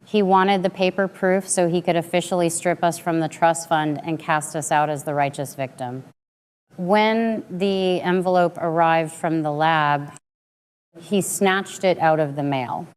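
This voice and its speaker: A woman in her late twenties giving a measured, dramatic first-person story narration. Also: low-pitched, a little mellow, clear, resonant tone. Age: late 20s.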